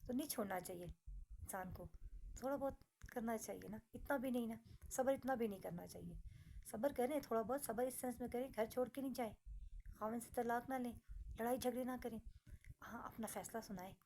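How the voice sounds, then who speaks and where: A woman's voice: on the high side, fairly quick, warm tone, slight background noise. A middle-aged woman with a Pakistani Urdu accent, talking casually and earnestly to her viewers and giving them repeated advice. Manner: earnest, advising, repetitive. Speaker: vlogger. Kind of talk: casual personal talk to viewers.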